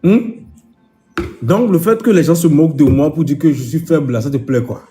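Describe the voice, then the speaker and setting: A man's voice: a little high, normal speed, mellow, faint music behind. A man talking to camera in a casual vlog, scolding with indignant repetition. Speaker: vlogger.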